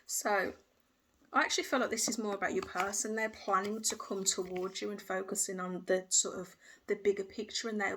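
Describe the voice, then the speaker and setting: A woman's voice: mid-range voice, a bit bright. Female tarot reader, casual and hesitant, faint background hiss. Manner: hesitant, hedging with frequent fillers and restarts; intuitive, repeats "I feel". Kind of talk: casual tarot reading to camera.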